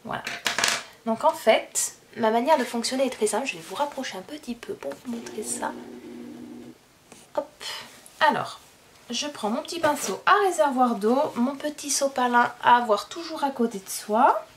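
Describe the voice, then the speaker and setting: A woman's voice: high-pitched, normal speed, slight background noise. Chatty woman teaching a coloring tutorial. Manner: chatty, with frequent fillers and self-corrections. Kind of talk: casual spoken tutorial.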